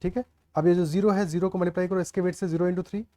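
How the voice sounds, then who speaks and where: A man's voice: sits high, steady tone, very fast, warm tone. A man teaching a maths lesson step by step, often checking with the class whether they follow. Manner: explains aloud, often checks the class with "clear?" and "okay".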